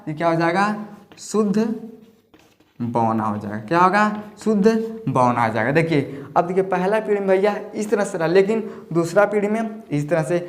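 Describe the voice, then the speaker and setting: A man's voice: high-pitched, lively intonation, normal speed. A man teaching a biology lesson at a board in a folksy, repeating key words back as questions. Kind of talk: blackboard lesson.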